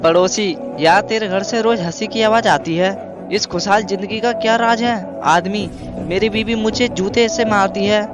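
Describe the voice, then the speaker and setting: A man telling short jokes briskly, acting out the dialogue between the people in them. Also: high-pitched, fairly even intonation. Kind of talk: telling jokes over music. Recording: loud background music.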